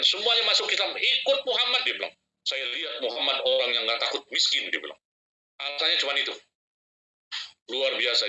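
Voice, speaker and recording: A man preaching casually, acting out voices as he tells stories and teases his listeners. His voice is bright and sharp, sitting a little high. The sound has a radio-like quality. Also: lo-fi sound. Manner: lively storyteller acting out voices, jokes with audience. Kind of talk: casual sermon storytelling.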